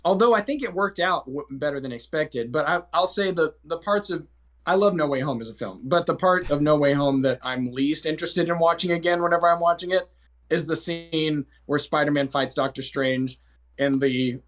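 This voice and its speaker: A man chats with friends on a show, working through his thoughts with many restarts. His voice sits a little higher than most men's. He is thoughtful more than quick. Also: fairly bright tone. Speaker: show panelist. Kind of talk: casual chat among friends.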